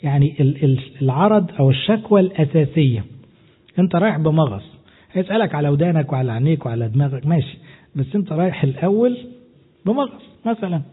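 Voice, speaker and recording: A man's voice: on the high side, lively intonation, fast, husky. A man preaching with an Egyptian Arabic accent, teaching in a conversational way with rhetorical questions and repeated lists. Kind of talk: sermon. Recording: tinny phone-like sound.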